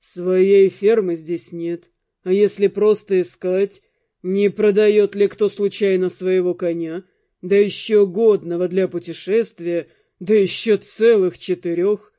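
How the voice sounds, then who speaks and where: A woman's voice: medium pitch, steady tone, takes it slowly, mellow, voice pushed down, lightly acted. A woman voicing a laid-back male mercenary who drawls his words, unbothered. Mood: deadpan.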